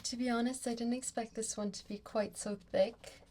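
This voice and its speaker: A woman's voice: fairly high pitch, steady tone, normal speed, darkish tone. A young woman presenting a reading vlog to camera in an upbeat, playful, giggly way. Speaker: book vlogger. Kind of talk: scripted vlog talk to camera.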